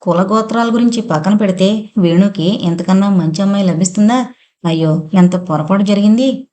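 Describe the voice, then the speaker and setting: A woman voicing an older matriarch who consoles a tearful young woman with fond, gentle scolding. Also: mid-range voice, moderate pace, natural voice. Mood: regretful. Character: older matriarch of the house, kindly but regretful.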